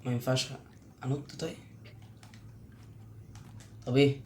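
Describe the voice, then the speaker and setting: A young man with an Egyptian Arabic accent commenting on a horror game he plays, talking to himself and bursting out in panicky shouts. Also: medium pitch, fairly even intonation, a little slow, a little hiss or hum. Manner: jumpy, panicky outbursts, talks to himself. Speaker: gaming YouTuber.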